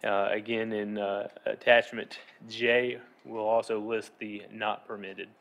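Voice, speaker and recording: A man in his thirties, a city planner, presenting a formal staff report from a podium in a council chamber, measured and procedural with occasional fillers. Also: lowish voice, flat delivery, vocal fry, fairly bright tone, poor audio. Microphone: podium microphone.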